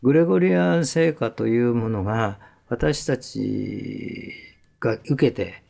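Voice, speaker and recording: A man calmly explaining breathing and what makes a good voice, step by step. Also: medium pitch, slow pace, vocal fry. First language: Japanese. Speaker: voice expert guest.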